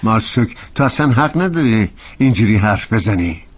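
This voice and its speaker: A man's voice: on the low side, animated, slight background noise, lightly acted. An actor dubbing a middle-aged older brother who pleads and apologizes to his sister. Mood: pleading. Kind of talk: dubbed TV drama acting.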